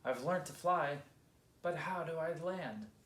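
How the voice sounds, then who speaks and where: A man voicing a young, excitable and mischievous male magpie in a raised, chirpy, childlike voice for a storybook. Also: on the high side, measured pace, pitched above the performer's own voice. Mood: worried. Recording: roomy echo.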